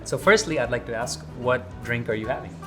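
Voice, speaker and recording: A man's voice: mid-range voice, fairly quick. A young man hosting a casual cafe interview, asking upbeat, friendly questions. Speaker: host. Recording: background guitar music.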